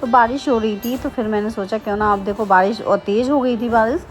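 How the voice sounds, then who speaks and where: A woman's voice: on the high side, fairly quick, faint music behind. A woman in her thirties, a homemaker, chatting casually in a daily home vlog, rambling with many fillers and restarts. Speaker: vlogger, homemaker. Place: home during heavy rain. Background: faint rain and ambience.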